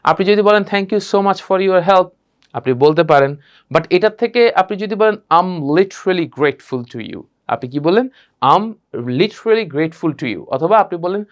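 A man teaching a spoken English class, switching between Bengali and English and modeling phrases with expressive repetition. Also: high voice. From Bangladesh.

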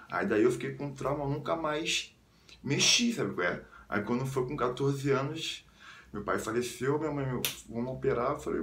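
A young vlogger from Rio de Janeiro's suburbs, speaking with a Carioca Brazilian Portuguese accent, tells a story casually and animatedly, full of slang. When he quotes other people he leaps into high squeals, and the recording sounds reverberant.

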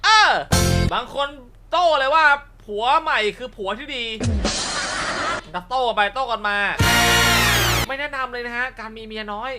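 A man hosting a comedic show where he reacts to social media captions, joking crudely, swearing and laughing often, with sudden shouted outbursts. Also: very high-pitched, a little slow, pauses often, over loud music. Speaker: host.

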